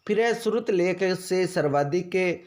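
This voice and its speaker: A man's voice: high-pitched, measured pace, a little mellow. A male teacher giving an exam-prep lecture. He keeps asking questions, answers them himself, repeats each key fact and keeps calling his listeners friends.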